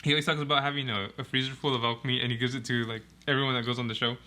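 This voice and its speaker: Bright-voiced laid-back young man. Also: mid-range voice, flat delivery, rapid-fire. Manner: laid-back, laughs often, slangy. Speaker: podcast co-host. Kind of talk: casual chat.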